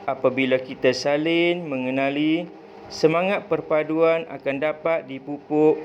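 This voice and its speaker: A man reading a gentle mother's lines to her children from a storybook, in a plain, steady reading voice. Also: fairly high pitch, a little slow, highs cut off, slight background noise, natural voice. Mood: explaining.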